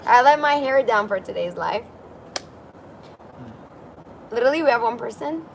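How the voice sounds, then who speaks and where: Reading comments aloud on a casual balcony livestream, a woman chats and giggles over the traffic of a busy street. Her voice is a little high with lively intonation, a normal speed, and vocal fry. Street noise from outdoors comes through.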